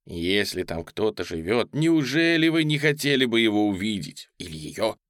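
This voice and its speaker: A man doing an excitable teasing boy. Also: fairly low pitch, moderate pace, dry recording. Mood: excited. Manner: eager, teasing.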